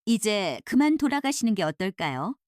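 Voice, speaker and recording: A woman's voice: mid-range voice, big pitch swings, moderate pace, a little mellow, dry recording, clean studio sound, voice pushed down, close to an everyday voice. A woman voicing a composed young innkeeper who fights, speaking firmly and politely. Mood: calm resolve. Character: calm young woman innkeeper, martial artist.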